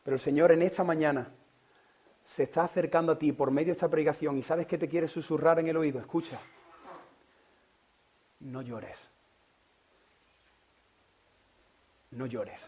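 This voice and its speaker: A man from Spain preaching a sermon, asking the listeners direct questions and swinging from loud preaching to hushed whispers. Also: fairly high pitch, steady tone, quick pace. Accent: Spain Spanish. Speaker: pastor.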